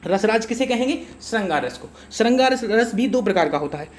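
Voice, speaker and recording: A man's voice: high-pitched, expressive, brisk. Chatty male teacher giving an exam-prep lesson. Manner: chatty, reassuring, keeps checking in with the students.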